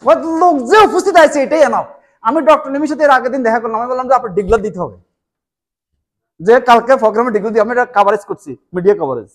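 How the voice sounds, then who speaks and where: A man in his forties from Bangladesh with a Bangladeshi Bengali accent, giving an animated motivational seminar in a meeting room on a lapel mic, full of rhetorical questions. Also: very high-pitched. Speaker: motivational speaker.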